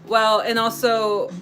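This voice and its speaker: Her voice is a little high and a bit bright: an American woman running a casual livestream as she cooks at home in the kitchen. She reads comments from live viewers and replies to them while music plays behind her.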